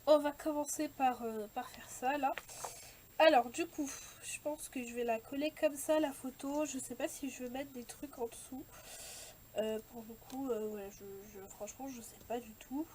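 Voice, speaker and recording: A woman's voice: sits high, steady tone, normal speed, darkish tone, slight background noise. A young woman casually talking through a scrapbooking project, hesitant and full of fillers and restarts. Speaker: scrapbooking vlogger. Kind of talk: casual craft tutorial chat.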